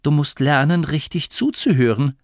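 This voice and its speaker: A man voicing a stern, bossy young female gnome in an audiobook, with a sharp, commanding, scolding way of talking. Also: a little high, lively intonation, unhurried, dry recording, studio quality, pitched above the performer's own voice. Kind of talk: audiobook character voice.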